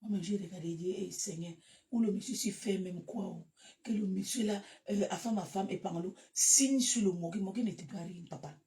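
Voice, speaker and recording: A woman with a Cameroonian French accent chatting casually to her followers, animated and breaking into loud bursts. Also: medium pitch, a little fast. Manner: animated, laughs loudly, shifts to loud bursts. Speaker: social media live host. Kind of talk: casual live chat to followers.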